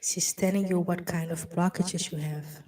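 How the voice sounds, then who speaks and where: A woman's voice: lowish voice, fairly even intonation, normal speed, mellow, recorded from a distance. A woman leading a guided visualization in a dreamy, gushing way, full of fillers. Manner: dreamy, gushing, talks with many "like"s. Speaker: meditation guide.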